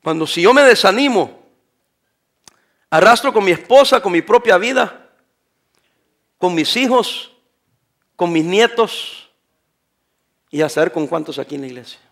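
An older man, a pastor, preaching a sermon, moving from quiet talk to shouting. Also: high-pitched, measured pace, long pauses. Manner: animated preaching, swings from soft to shouting.

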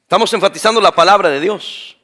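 Emphatic male pastor, middle-aged, high bright preaching voice, rhetorical questions. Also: quick pace. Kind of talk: sermon.

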